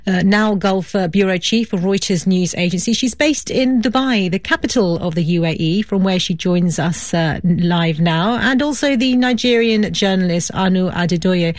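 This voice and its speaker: A woman's voice: medium pitch, dry recording, clean studio sound. A woman hosting a live radio programme, introducing guests conversationally with a few fillers. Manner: warm conversational, occasional uh fillers. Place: radio studio.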